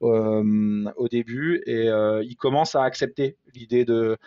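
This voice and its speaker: A man's voice: mid-range voice, steady tone, measured pace, smooth, no room sound. Hesitant man, dull dry sound. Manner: hesitant, many fillers and restarts; self-deprecating, laughs at himself. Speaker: interview guest, father in a blended family. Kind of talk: casual conversational interview.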